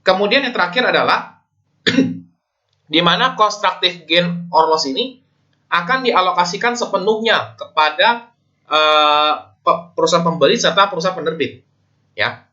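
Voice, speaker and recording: A man with an Indonesian accent, an accounting teacher, explains material in an informal lecture, chatting conversationally and often checking in with listeners. His voice is high-pitched and sharp at normal speed, and the audio has its highs cut off.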